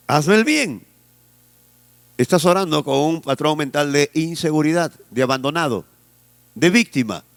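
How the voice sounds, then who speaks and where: A man's voice: fairly high pitch, no room sound. A male pastor from Peru, preaching a sermon with a Peruvian Spanish accent and leading the congregation in repeating phrases back to him.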